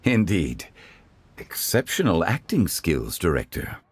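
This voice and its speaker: A man voicing a composed, refined, courteous consultant with a measured manner in an anime video game. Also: low-pitched, sing-song, slightly rough, no room sound, full character voice. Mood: dry, courteous. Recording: music behind the voice.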